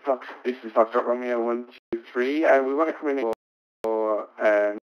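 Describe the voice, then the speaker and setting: A man making halting pilot radio calls to air traffic control, heard over a radio link. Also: medium pitch, clean tone, dry recording. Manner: hesitant, with many fillers. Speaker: pilot in a flight simulator. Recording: dull lo-fi radio sound.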